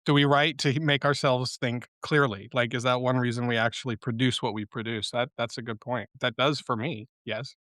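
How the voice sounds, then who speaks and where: Brief: male host moderating a panel, mid-pitched, quick to agree and pass the floor. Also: fairly even intonation, fairly bright tone, no room sound, studio quality.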